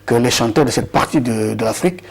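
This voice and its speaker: Gravelly-voiced male interviewer. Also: mid-range voice, fast talker. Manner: frequent short agreements, long leading questions.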